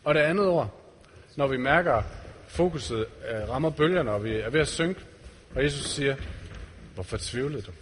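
A man's voice: medium pitch, expressive, slight background noise. A man giving a sermon to a congregation in an earnest way, putting direct questions to his listeners. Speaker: preacher. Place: church hall. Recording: reverberant church hall.

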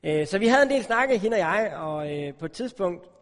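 A man giving a relaxed, joking sermon with many filler sounds as he tells a personal story. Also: sits high. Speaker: preacher. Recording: long reverb of a large hall.

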